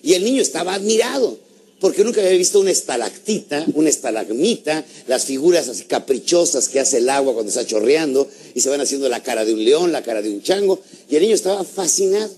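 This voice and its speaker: A man giving a lively motivational talk, asking his audience questions and acting out little stories. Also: a little high, quick pace. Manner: animated, asks the audience questions, acts out stories. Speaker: motivational speaker.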